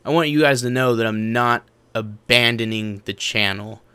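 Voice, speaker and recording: A man's voice: medium pitch, normal speed, pushed and bright, clean tone, no echo. A young man, the channel's host, giving a casual, earnest update and often repeating himself.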